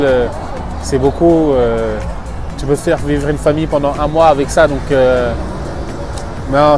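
A young man answering a street interview on a busy city avenue outdoors, hesitant and repeating words as he weighs his view. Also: fairly high pitch. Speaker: street interviewee, visiting with family.

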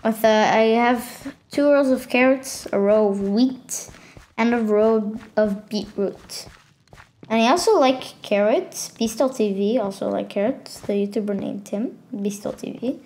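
A woman's voice: a little high, a little slow, darkish tone. A woman hosting a gaming channel, giving a casual tour of her game world and stopping often with fillers and self-corrections.

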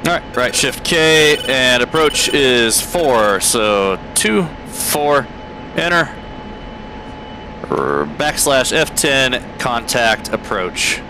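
Slow-talking man commentating over cockpit noise. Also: medium pitch. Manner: muttering key presses and thinking aloud. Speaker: flight simulator player giving a walkthrough. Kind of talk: casual gameplay commentary. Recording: steady aircraft cockpit noise behind. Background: game aircraft engine drone.

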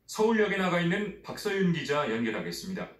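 A man reading scripted textbook audio in a brisk news anchor delivery. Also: fairly high pitch, big pitch swings. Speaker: recorded textbook audio speaker. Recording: roomy audio played back from a distance.

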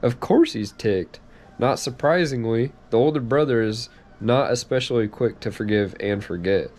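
A man's voice: medium pitch, a little mellow. A man, a father vlogging casually from a car dealership and reading a daily devotional. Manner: easygoing, quick-talking, says y'all. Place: car dealership showroom, then home.

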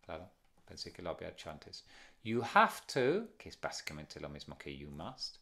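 A man's voice: rumbling low, steady tone, fairly quick, gravelly, pushed and bright. A man teaching an English lesson to Spanish speakers, patiently repeating examples and stressing the intonation. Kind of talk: bilingual language lesson to camera.

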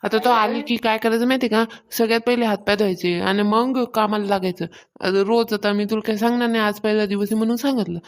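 In a natural, mid-range voice, this woman talks quickly with fairly even intonation. Her character is a domineering, tight-fisted, pompous mistress of the house in an animated comedy, scolding in everyday Varhadi Marathi from rural Maharashtra.

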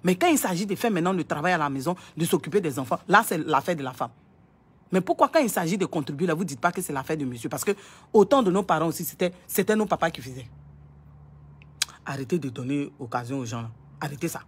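A woman's voice: low voice, animated, quick pace, slightly rough. A young woman scolds her listeners in a casual, impassioned monologue, repeating herself and stammering over words. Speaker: online commentator.

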